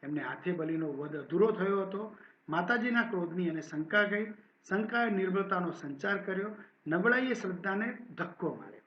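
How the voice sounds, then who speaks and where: A male college professor reading a literary text aloud in a measured, expressive way and then explaining it as a lecture. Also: a little high, echoey room, muffled recording, a little hiss or hum.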